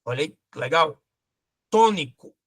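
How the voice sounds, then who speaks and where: A man teaching a lively exam-prep grammar lesson, pointing things out as he goes. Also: a little high, measured pace.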